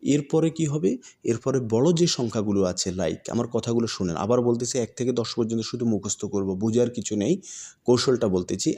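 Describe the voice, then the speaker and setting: A man's voice: mid-range voice, mellow, slightly rough. Man, video lesson teacher, asks and answers own questions, repetitive, mixes in english words. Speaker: language teacher.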